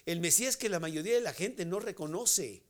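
A male preacher with a Mexican accent delivers a sermon in a somewhat high voice. He swings between loud, pressing phrases and hushed, whispered endings. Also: fairly quick.

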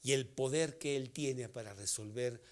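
A man with a Mexican accent preaching a sermon, swinging from loud, forceful phrases to whispered endings. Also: mid-range voice, normal speed.

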